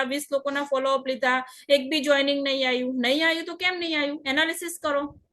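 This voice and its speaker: Woman trainer from Gujarat, high and bright, coaching style, keeps checking the group is following. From Gujarat, India. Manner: coaching, asks listeners frequent check-in questions. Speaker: sales trainer. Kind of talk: training session talk.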